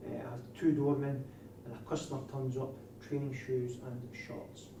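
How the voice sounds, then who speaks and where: A man's voice: mid-range voice, little pitch movement, normal speed. A man with a broad Scottish accent teaching a class as a trainer, putting questions to his trainees. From Scotland. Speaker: trainer of door supervisors. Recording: distant mic, echoey room, faint noise.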